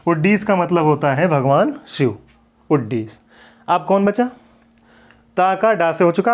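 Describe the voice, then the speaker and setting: A man with a slightly higher-than-usual, darkish voice gives a Hindi grammar lesson in classroom lecture style. He repeatedly poses a question and answers it himself, drawing out words as he repeats them. The recording quality is dull and lo-fi.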